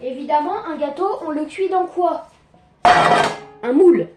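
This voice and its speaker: A young woman giving a casual cooking tutorial in her home kitchen, chatty and quick to joke about herself. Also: high voice, loud music behind the voice. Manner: chatty, joking, self-mocking asides.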